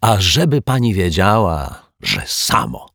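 A man voicing a calm, wry adult male detective in a children's story. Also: deep voice, takes it slowly, vocal fry, breathy edge, dry recording, studio quality, full character voice.

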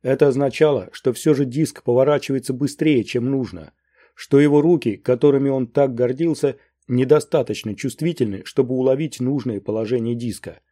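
A man reading a crime novel aloud as an audiobook narrator, in steady scripted narration. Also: mid-range voice, fairly quick.

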